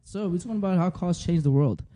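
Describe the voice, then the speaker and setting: Strained from shouting, a dark, worn male voice comes through a studio mic, high-pitched and fast. He's a Zulu-speaking podcast co-host from South Africa, laughing often in relaxed, casual banter.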